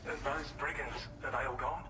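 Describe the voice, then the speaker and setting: A man's voice: mid-range voice, steady tone, normal speed, close to an everyday voice. An actor playing a relieved, grateful male client who thanks a courier in a video game. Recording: game audio with music behind.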